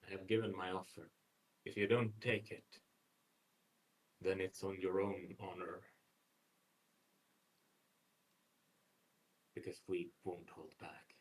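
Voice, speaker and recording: A man's voice: low voice, level tone, unhurried, rough recording. A man playing a proud, honor-bound young male noble swordsman who speaks formally and with measure. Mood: stern.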